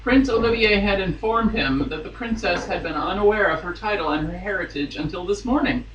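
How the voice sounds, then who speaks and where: Reading a romance novel as a podcast guest, he hams it up theatrically and tosses in amused asides. His high-pitched, slightly fast voice is a bit bright, though the highs are cut off. Faint noise and a distant mic give the recording a roomy feel.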